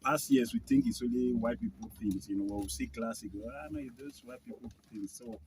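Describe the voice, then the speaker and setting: A man with a Nigerian accent, a guest musician talking in a relaxed, easygoing way inside a car. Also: medium pitch, a little fast, gravelly, a little hiss or hum, low-quality recording. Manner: laid-back, peppers talk with "you know, bro". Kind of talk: casual podcast chat.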